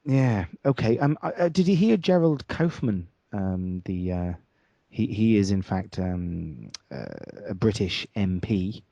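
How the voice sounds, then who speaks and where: A man's voice: on the low side, lively intonation, a little slow, gravelly, mellow, no echo. A man hosting a radio talk show, speaking hesitantly, with many fillers and restarts. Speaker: host. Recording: dull lo-fi audio.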